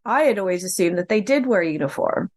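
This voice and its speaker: A woman chatting in a podcast film discussion, animated and acting out quoted lines, with frequent fillers and restarts. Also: medium pitch, fairly quick.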